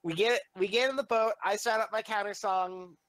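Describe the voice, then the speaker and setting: A man's voice: high voice, fairly even intonation, normal speed, a bit bright, dry recording. A man playing a tabletop game, stammering and joking at his own expense. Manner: stammering, self-mocking. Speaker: player. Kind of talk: casual chat at a tabletop game.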